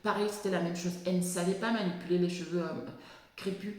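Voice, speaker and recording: Woman, lisped s, lowish pitch, casual explanatory vlog talk, halting with repeated words, strongly reverberant room. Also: fairly even intonation. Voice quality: lisp on s sounds. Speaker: video blogger on natural hair. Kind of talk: casual explanatory monologue with anecdotes.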